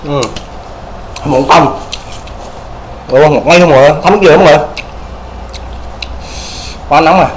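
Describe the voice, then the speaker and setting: A man's voice: on the high side, fast, pauses often, a little hiss or hum, poor audio. A man with a southern Vietnamese accent chatting casually to viewers on an eating show, chewing as he talks, exclaiming and repeating himself. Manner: chewing and eating while talking. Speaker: mukbang vlogger.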